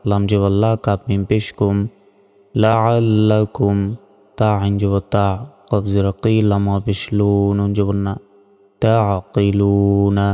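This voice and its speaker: A man teaching Quran reading, spelling out each letter and vowel slowly and reciting the verses in a drawn-out chant. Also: fairly low pitch, completely flat delivery, dark tone, clear, resonant tone, in a large hall, soft background music.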